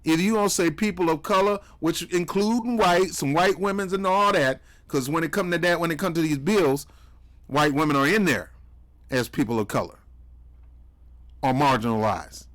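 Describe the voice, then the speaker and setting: Male commentary host, slightly high voice, preachy and mocking. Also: moderate pace, a bit bright. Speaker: commentary host reacting to clips. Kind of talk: heated political commentary.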